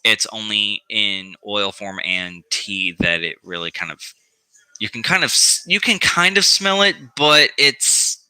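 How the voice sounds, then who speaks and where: A man's voice: fairly low pitch, animated, measured pace, sharp tone, smooth, dry recording, rough recording. A man giving a casual how-to vlog on occult practice, rambling with lots of ums and restarts and some profanity.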